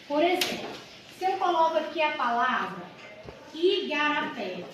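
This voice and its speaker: High-voiced woman teaching grammar. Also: sing-song. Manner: explains step by step with rhetorical questions; stretches out example words slowly. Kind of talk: grammar lesson for exam students. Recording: echoey room with mic far off and noise.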